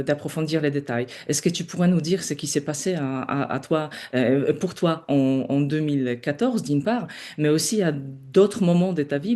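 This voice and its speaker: A woman moderating a webinar, introducing the next guest with many pauses and fillers. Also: low-pitched, darkish tone. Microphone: video call.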